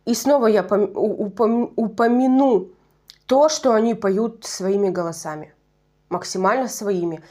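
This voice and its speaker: With a mellow, medium-pitched voice and a measured pace, a woman with a Russian Far East accent reviews a nostalgic TV show on her own. She's chatty and digressive, correcting herself as she goes and laughing at her slips.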